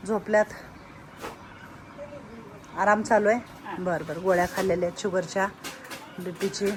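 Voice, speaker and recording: A woman caretaker at an old-age home, calming the residents in casual talk. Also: mid-range voice, a little slow, slight background noise. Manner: soothing, calms residents.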